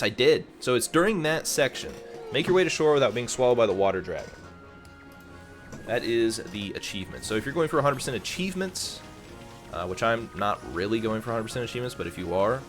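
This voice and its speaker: A male game streamer chatting casually as he plays, rambling and poking fun at himself. His voice sits low yet swings around in a lively way. Game music plays clearly behind him. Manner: rambling, self-deprecating. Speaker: gaming streamer. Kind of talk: casual gameplay commentary.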